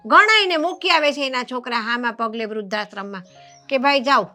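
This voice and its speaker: A woman's voice: fairly high pitch, brisk, pushed and bright, soft background music. A woman playing an elderly mother-in-law troubled by her daughters-in-law, talking in plain rustic village speech and confiding her troubles. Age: older. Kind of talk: Gujarati family drama acting.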